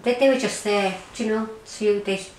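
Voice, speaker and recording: An Irish woman recounts her own experience in a conversational interview, often halting and repeating words. Her voice sits in a roomy, echoing space with a faint hiss underneath. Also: medium pitch, fairly even intonation, darkish tone. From Ireland. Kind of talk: personal testimony in an interview. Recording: roomy echo, faint background noise.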